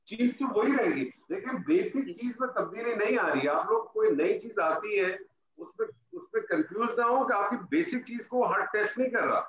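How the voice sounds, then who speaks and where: A man teaching Arabic grammar over a call, his voice pitched high and patient as he repeats each example. The audio is dull and roomy. A faint noise runs underneath. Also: lively intonation, fairly bright tone. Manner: patient, drills students with repeated example sentences. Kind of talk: online class teaching. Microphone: online call audio.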